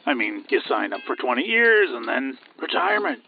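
A man's voice: medium pitch, huge pitch swings, normal speed, gravelly, slight background noise. A man doing a chatty Roman soldier. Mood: breezy. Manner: breezy, chatty. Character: cheerful casual Roman soldier, young man. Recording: tinny phone-like sound.

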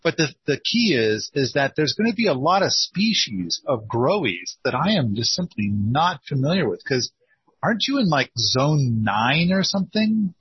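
A man's voice: on the high side, sing-song, moderate pace, husky, no room sound. A man with a northeastern Oregon accent hosting a casual podcast consultation, rambling and self-deprecating with many restarts. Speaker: podcast host and permaculture consultant. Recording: dull lo-fi dry sound.

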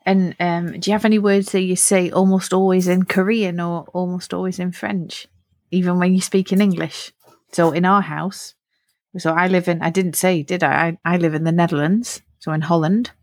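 This middle-aged podcast host patiently puts simple, encouraging follow-up questions to a child in a friendly interview. Her voice is fairly low and a little mellow, steady in tone and normal in speed, captured in a dry, studio-quality recording.

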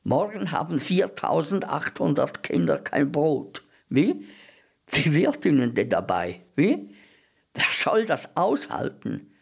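A man's voice: on the high side, very animated, slow, creaky, breathy edge, pitched above the performer's own voice, exaggerated voice. A man voicing a complaining bread merchant who exclaims in a story reading. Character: grumbling middle-aged male bread merchant.

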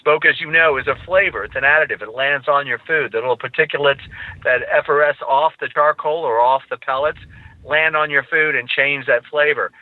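A man's voice: fairly high pitch, a little fast, no room sound. A man talking as a podcast guest, explaining at length and often restarting his sentences with repeated words. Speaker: charcoal company representative. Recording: tinny phone-line sound, dry.

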